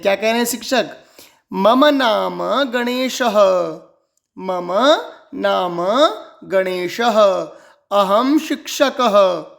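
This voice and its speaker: Man, teacher, children's textbook lesson, slow careful repetition, gravelly voice. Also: sits high.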